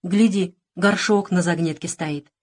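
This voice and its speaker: Woman reading as a rough village boy from a storybook, superstitious and stubborn, gruff and hushed. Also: fairly low pitch, steady tone, a little slow. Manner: gruff whispering.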